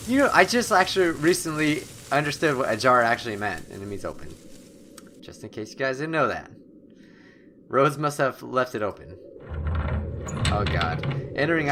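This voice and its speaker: Reading game text aloud with theatrical flair, a man hosts a gaming channel's let's play, tossing in jokey asides and occasionally tripping over words. His mid-range voice has a sing-song lilt and a moderate pace, with some background noise behind it.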